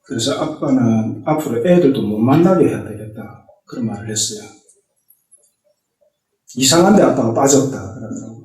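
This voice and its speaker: Mellow middle-aged man telling a testimony. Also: mid-range voice, lively intonation, a little fast. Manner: storytelling, acting out family dialogue. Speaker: church deacon giving a testimony. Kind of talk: personal testimony told as a story. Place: church sanctuary. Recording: echoey church hall, mic far off.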